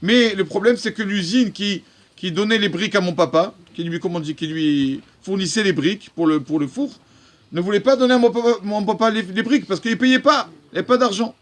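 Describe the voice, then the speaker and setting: High-voiced rabbi telling a story. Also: male voice. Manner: halting, repeats and restarts words while telling; mixes in Hebrew religious terms. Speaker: rabbi giving a daily talk. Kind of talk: storytelling talk to a congregation.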